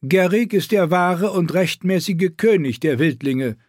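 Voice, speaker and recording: Male reader as a disdainful queen, high, prim, cutting. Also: expressive, measured pace, darkish tone, no echo, studio quality. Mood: haughty. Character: cold, haughty middle-aged queen.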